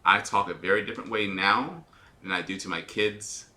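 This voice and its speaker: In a fairly low, pushed and bright voice at a normal pace, the airline pilot talks viewers through his flight simulator checklist live. The radio-announcer voice is an act, and he sometimes trips, repeats a bit, and restarts.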